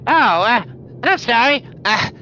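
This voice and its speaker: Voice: medium pitch, expressive, measured pace, vocal fry, sharp tone, lo-fi sound, a little hiss or hum, exaggerated voice. A game master voicing an eager, bumbling, condescending young man who stammers and apologizes in a tabletop game. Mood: eager, apologetic. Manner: stammering, flustered, over-apologetic. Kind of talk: tabletop role-play character voice.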